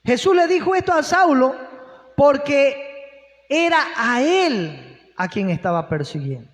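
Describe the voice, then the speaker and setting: A man's voice: very high-pitched, big pitch swings, a little slow. A male pastor preaching a sermon, posing rhetorical questions and breaking in with exclamations of praise. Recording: long hall reverb.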